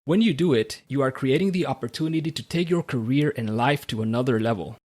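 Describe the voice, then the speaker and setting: A man hosts a podcast, reading his script in a steady, measured way. His voice sits at an ordinary middle pitch for a man. He moves calmly from his prepared remarks into questions for his guest. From Central America. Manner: measured, read-aloud delivery. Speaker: podcast host. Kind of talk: scripted podcast monologue and interview.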